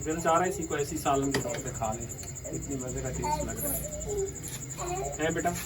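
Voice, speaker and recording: A middle-aged man with a hoarse voice, chatting as he hosts a family cooking vlog at home. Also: mid-range voice, normal speed, over music, rough recording. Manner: warm greetings, chatty and teasing. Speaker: vlog host. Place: home kitchen.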